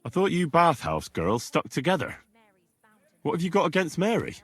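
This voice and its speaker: Rough, cheeky adventurer, lively pitch. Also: male voice, moderate pace, no echo, heavily acted. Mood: probing. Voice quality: colloquial, coarse speech. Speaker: game protagonist. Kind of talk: video game dialogue.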